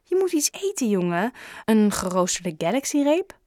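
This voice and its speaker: A woman voicing a kind, gentle grown-up shopkeeper in an audiobook, coaxing and caring. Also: medium pitch, moderate pace, lightly acted. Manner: gentle, coaxing, sometimes lively. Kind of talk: audiobook character reading.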